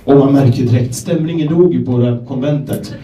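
A young Swedish man from Gävle doing a stand-up set, telling self-deprecating stories in a deadpan way and acting out the people in them. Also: mid-range voice, slight background noise. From Sweden, Gävle. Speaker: stand-up comedian. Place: comedy club stage. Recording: echoey club room, voice from a distance.

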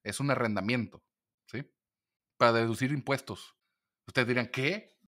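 A man's voice: mid-range voice, moderate pace, fairly bright tone. A Mexican man, a lawyer, explaining a legal point in a casual monologue video and acting out quoted dialogue as he goes.

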